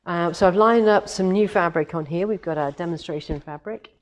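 A quilting shop owner, slightly hoarse with a head cold, live-streams a demo and chats cheerfully, rambling and saying um often. Her pitch is fairly low and she talks fairly quickly. She's in a large indoor showroom filled with longarm machines, recorded by a camera on a tripod a few metres away.

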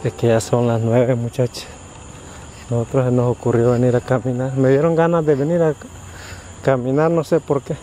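Mellow man vlogging outdoors at night. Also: mid-range voice, little pitch movement, moderate pace. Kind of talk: casual night exploration vlog addressed to viewers. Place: outdoors at night in a grassy area. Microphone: handheld camera at arm's length. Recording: outdoor recording with faint background noise, insects. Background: crickets and insects.

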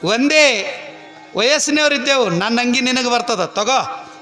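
Generous village boy with a North Karnataka Kannada accent, voiced by a male preacher; earnest, bright, unhurried. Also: extremely high pitch, lively intonation, soft background music, exaggerated voice. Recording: long hall reverb.

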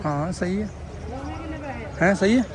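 A man's voice: high voice, slow, crowd noise. A man vlogging casually at home, chatty, giving directions to family as he films. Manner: chatty, instructing family members. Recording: noisy home background.

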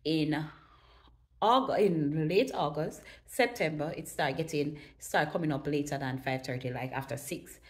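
A woman with a notably low, deep voice talks casually to her channel viewers. She pauses often with fillers as she gathers her thoughts, in an easy, chatty vlog manner. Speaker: vlogger. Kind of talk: casual chat to camera.

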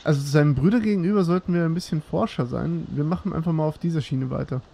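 Ein Mann, der beim Spielen locker vor sich hin kommentiert und mit sich selbst redet. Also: male voice, a little high, fast, creaky. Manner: relaxed, mumbling to himself while playing. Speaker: let's play host. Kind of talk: casual game commentary.

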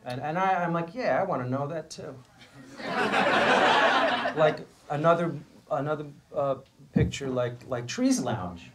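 A middle-aged man hosting a casual onstage interview, halting and stammering, laughing often, speaking into a stand mic in a small hall with an audience. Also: a little high, lively intonation, noisy background. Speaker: host.

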